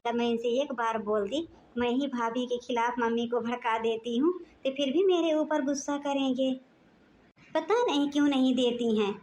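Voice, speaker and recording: A woman's voice: sits high, moderate pace, darkish tone, slight background noise, natural voice. A woman doing a meek pleading young wife. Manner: pleading, placating.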